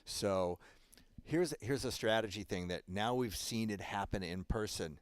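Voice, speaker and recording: A man doing color commentary on a surfing contest, relaxed and analytical. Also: lowish voice, a little slow, no room sound. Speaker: surf commentator. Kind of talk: live sports commentary.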